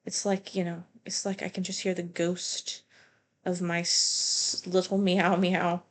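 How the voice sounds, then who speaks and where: A woman's voice: lowish voice, flat delivery, measured pace. A young adult woman talking casually while playing a video game, joking and rambling. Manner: chatty, joking and rambling, with fillers. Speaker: gamer. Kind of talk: casual let's-play commentary.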